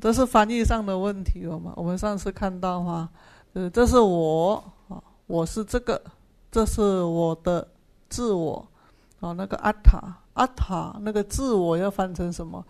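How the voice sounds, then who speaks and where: Unhurried dharma class teacher, lots of "ah"s, repeats stuff, asks and answers own questions, mid-pitched voice. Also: creaky, a little mellow. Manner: unhurried, repeats key phrases, frequent drawn-out "ah" fillers; patient explaining of Pali terms, asks and answers own questions. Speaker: Buddhist sutra teacher. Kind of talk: explanatory dharma class lecture.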